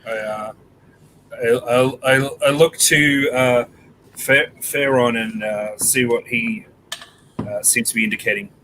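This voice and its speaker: Dude playing a tabletop game, mid voice, stammers a lot, faint hiss behind. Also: male voice, mid-range voice, steady tone, bright, forceful tone, low-quality recording. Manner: halting, stammering speech. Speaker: player. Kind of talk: in-character tabletop play.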